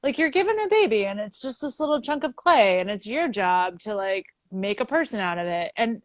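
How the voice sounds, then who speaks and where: A woman's voice: mid-range voice, animated, fairly quick, no echo, clean studio sound. Frank, swearing woman in her thirties. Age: 30s. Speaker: guest musician. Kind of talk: casual interview chat.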